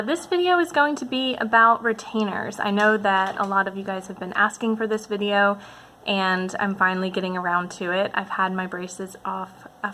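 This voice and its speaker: A woman's voice: mid-range voice, bright, forceful tone, a little hiss or hum. A woman vlogging casually, talking to her viewers in a chatty, explanatory way. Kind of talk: casual update vlog to camera.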